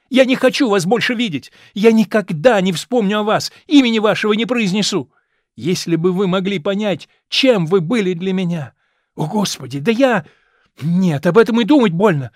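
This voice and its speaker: A scornful young man in a fury, throwing out loud, indignant accusations, as a male reader plays him. The voice runs high and is recorded dry with no room. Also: no room sound, natural voice.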